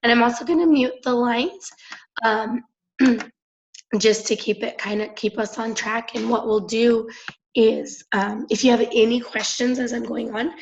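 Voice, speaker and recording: A young woman with a hoarse, raspy voice, chatting enthusiastically with lots of fillers as she hosts a conference call. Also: on the high side, steady tone, measured pace, a little hiss or hum. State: hoarse, clearing throat. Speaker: independent promoter hosting a conference call. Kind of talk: casual phone-call presentation. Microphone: phone or conference line. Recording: dull lo-fi conference call audio.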